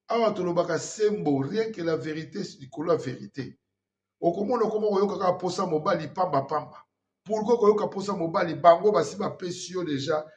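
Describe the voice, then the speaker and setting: A man, hosting an earnest spiritual warning talk and mixing in French phrases. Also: sits high. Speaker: host. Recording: dull lo-fi sound.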